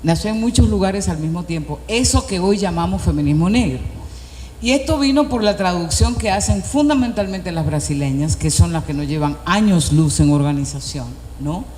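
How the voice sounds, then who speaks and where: A woman from the Republic, speaking on an academic panel in a measured, explanatory way and posing questions she then answers herself. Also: fairly low pitch, a little mellow. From Dominican Republic. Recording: echoey hall with faint background noise.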